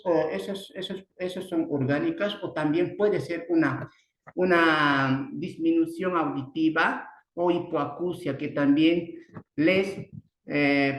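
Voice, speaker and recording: A man with a Bolivian Spanish accent giving an online speech therapy lecture, halting often, restarting words and tagging sentences with a questioning "no". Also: a little high. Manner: halting, many restarts and "¿no?" tags. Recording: roomy echo.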